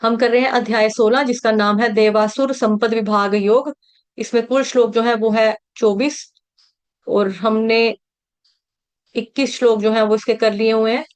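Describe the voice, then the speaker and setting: A woman teaching Sanskrit verse pronunciation, stretching syllables slowly when she chants them and explaining quickly in between. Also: on the high side, fairly even intonation, smooth. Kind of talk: slow chanting and pronunciation lesson.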